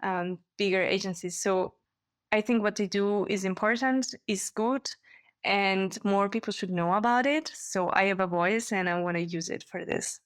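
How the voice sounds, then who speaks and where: A Swiss woman whose first language is Italian speaks as a guest on a casual podcast interview, where she talks about her work as a technical diver. Her voice is medium-pitched and clean, her pace moderate, and she's cheerful, laughing often between sentences.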